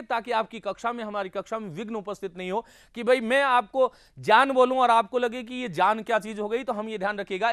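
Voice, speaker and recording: Male grammar teacher, very high voice, dry close sound, quizzes class call-and-response. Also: a bit bright, no echo. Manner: drills students with call-and-response questions; earnest, exhorting. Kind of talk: classroom lecture.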